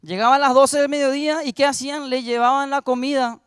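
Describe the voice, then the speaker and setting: A young man preaches a sermon in a very high voice. He moves from storytelling to forceful, rising exhortation. The sound is close and dry. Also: steady tone, fairly quick, dry recording. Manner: storytelling, builds to loud exhortation.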